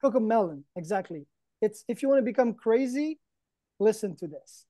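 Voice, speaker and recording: A man of about thirty to forty-something co-hosts an online event on a video call, set indoors in front of a green backdrop. Animated and jokey in a mock-earnest way, he speaks at a moderate pace in a high, mellow voice, with studio-quality sound and no room reverb.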